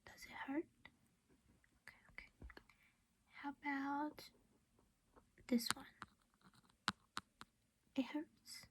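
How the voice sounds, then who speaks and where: A woman whispers slowly in a gentle ASMR roleplay as a doting vampire mother caring for her human child. Her whisper sits high and level, breathy with soft creaky voiced patches, and she sounds gentle and reassuring, coaxing as if speaking to a child. The background is noisy.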